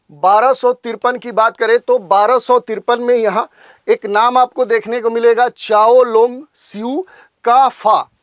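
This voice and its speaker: A lecturer giving a steady explanatory lesson for exam preparation, often restating points with filler phrases. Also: mid-range voice, no echo, studio quality.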